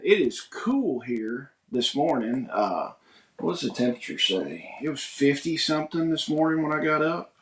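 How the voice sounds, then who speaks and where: A man's voice: on the high side, very animated, moderate pace. Folksy man streaming in an echoey room. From United States. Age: 40s. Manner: rambling, folksy, reads viewer comments aloud. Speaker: livestream host. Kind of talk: casual livestream chat.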